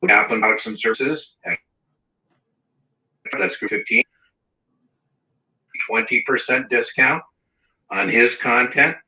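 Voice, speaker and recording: A man hosting a live exam-prep Q&A, chatty and repeating words for emphasis, heard through tinny, low-quality audio that cuts in and out. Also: takes it slowly, pauses often, sharp tone. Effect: tinny, low-quality audio cutting in and out. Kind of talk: casual livestream talk. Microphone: wrong mic across the room. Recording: tinny, roomy sound from a mic far off.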